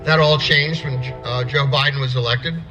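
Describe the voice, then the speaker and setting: Bright-voiced man giving a rally speech. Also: mid-range voice, fairly even intonation, moderate pace, faint music behind, low-quality recording. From United States. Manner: plainspoken storyteller with repeated restarts. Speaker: rally speaker. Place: outdoor rally.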